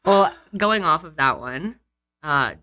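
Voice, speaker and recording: A woman with a low voice that swings widely in pitch, co-hosting a relaxed podcast. She asks question after question and laughs easily. The sound is dry and close to the mic. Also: slow, no echo. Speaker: podcast co-host. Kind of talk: casual podcast chat.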